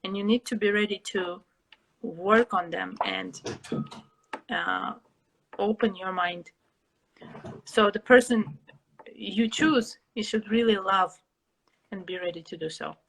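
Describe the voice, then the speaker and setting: A young woman from Russia, an interview guest who answers thoughtfully, pausing to find her words. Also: medium pitch, vocal fry, rough recording. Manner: reflective, pauses to find words.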